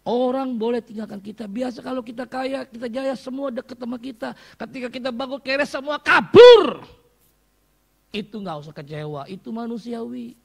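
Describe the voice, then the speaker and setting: A man in his fifties preaching from the pulpit with a strikingly high, gravelly voice. His delivery swings from loud, rousing exhortation to quiet, confiding asides as he tells stories. The tone is husky and rough-edged throughout. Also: brisk. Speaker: pastor. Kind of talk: sermon.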